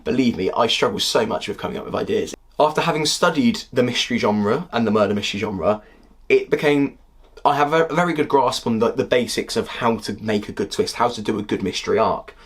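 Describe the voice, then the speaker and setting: A young man in his twenties with a husky voice, talking through a casual critique of a TV series in a heated, exasperated way. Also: mid-range voice, brisk. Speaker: video critic.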